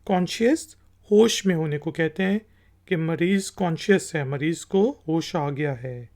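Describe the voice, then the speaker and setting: In a patient, repetitive lesson, a teacher from Pakistan spells every word letter by letter and repeats it. The voice is mid-range, somewhat slow and darkish in tone.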